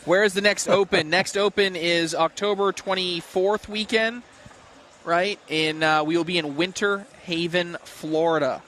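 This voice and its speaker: A man's voice: high voice, steady tone, unhurried, a bit bright, slight background noise. A man commenting on a cornhole tournament from a booth, analytical and bantering with his co-host. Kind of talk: casual sports commentary.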